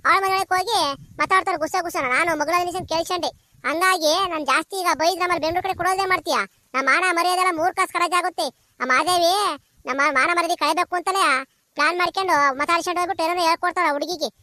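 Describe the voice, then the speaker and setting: A piercing, bright, squeaky old village granny chatters at a rapid clip and loves a scandal, as a woman puts her on for a cartoon. She nags and dramatizes everything, and the sound is close and dry with no room around it. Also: fairly even intonation, dry recording. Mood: scheming. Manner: fast, nagging, dramatic village gossip. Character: shrill gossiping village grandmother, scolding.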